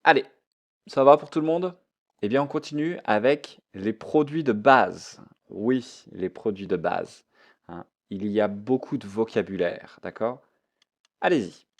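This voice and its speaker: A man's voice: fairly low pitch, measured pace, gravelly. A man teaching a French vocabulary lesson, repeating each word and mixing in English explanations.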